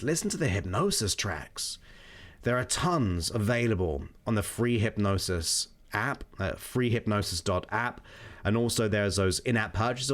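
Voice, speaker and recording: A man giving informal self-help coaching, repeating and listing his points for emphasis. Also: fairly low pitch. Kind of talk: informal explanatory talk.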